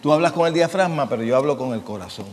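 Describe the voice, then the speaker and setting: A man's voice: mid-range voice, expressive, fast. A man, a pastor giving a plain-spoken, conversational sermon and asking his congregation questions. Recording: long hall reverb.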